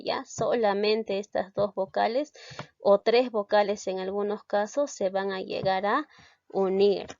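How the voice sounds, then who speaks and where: A woman's voice: medium pitch, creaky, darkish tone, dry recording. A woman teacher giving a recorded grammar lesson, explaining step by step and often stopping to check that listeners follow. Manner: explains step by step and keeps asking "¿ya?" to check understanding. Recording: slightly dull, dry sound.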